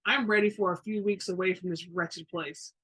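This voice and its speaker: A woman's voice: on the low side, steady tone, moderate pace, a bit bright, slightly rough, no room sound. A woman voicing a loyal young male lieutenant in a story reading, formal and deferential. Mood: respectful.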